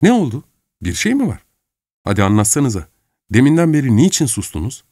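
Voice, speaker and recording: A man reading as a lively young woman. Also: mid-range voice, brisk, breathy edge, dry recording, studio quality, pitched above the performer's own voice. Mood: curious. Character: young woman, cheerful, impulsive, affectionate. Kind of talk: audiobook character reading.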